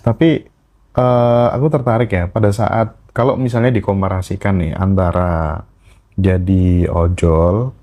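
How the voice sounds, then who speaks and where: A man's voice: sits low, fairly even intonation, a little slow, warm tone. A man hosting a podcast, asking reflective questions in a casual chat. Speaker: podcast host.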